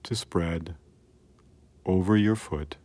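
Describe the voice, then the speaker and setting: A man calmly narrating a scripted guided relaxation in a soothing, measured way with long pauses. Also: sits low.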